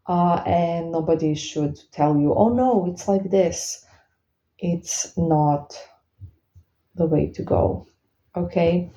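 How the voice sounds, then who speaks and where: Woman, non-native English speaker, very dark low voice, retainer lisp, halting unscripted monologue, muffled audio. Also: gravelly. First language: not English. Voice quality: slight lisp from wearing retainers. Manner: halting, searching for words. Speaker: spiritual reader and spellworker hosting a Q and A. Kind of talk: unscripted casual monologue to followers.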